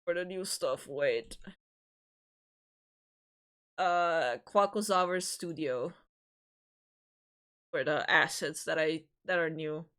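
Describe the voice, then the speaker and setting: A woman's voice: low-pitched, slow, pauses often, fairly bright tone, smooth. A woman hosting a livestream, chatting casually with viewers in a giggly, rambling way, often restarting her sentences. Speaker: livestream host.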